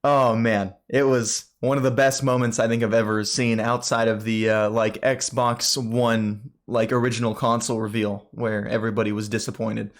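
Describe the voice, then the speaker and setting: A man's voice: medium pitch, normal speed, few pauses. Rambling young man on a gaming podcast. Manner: relaxed, rambling with many fillers. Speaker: podcast co-host. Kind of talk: casual gaming news chat.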